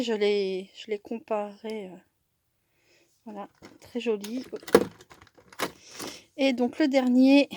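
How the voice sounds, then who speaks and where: A woman's voice: a little high, a little mellow, a little hiss or hum. A woman chatting casually through a craft supply haul, hesitant, with many fillers and restarts. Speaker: crafting vlogger. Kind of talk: casual product haul chat.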